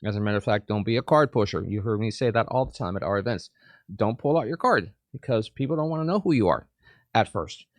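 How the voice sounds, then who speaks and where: A Cuban man who heads a chamber of commerce speaks eagerly as a guest in a studio interview, often repeating words in the casual chat. His voice is medium-pitched, with no echo.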